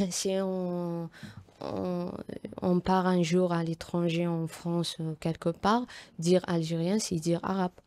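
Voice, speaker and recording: A young Tamazight woman from Algeria, appearing as a guest author, answers interview questions haltingly, full of fillers and restarts. Her voice is low, soft and dark, with little pitch movement.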